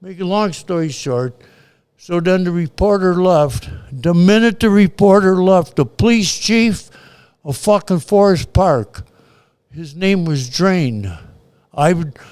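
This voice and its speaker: Sitting high and a little mellow, this older man's voice carries a crude, frank story from his younger days, told as a guest in a relaxed conversation. He's from Chicago and performs the quoted lines in character.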